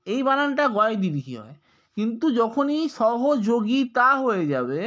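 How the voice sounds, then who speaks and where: A man with a Bengali accent teaching a spelling lesson, slowly spelling out words letter by letter and repeating the corrections. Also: very high-pitched, big pitch swings, a bit bright, lo-fi sound. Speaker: exam tutor.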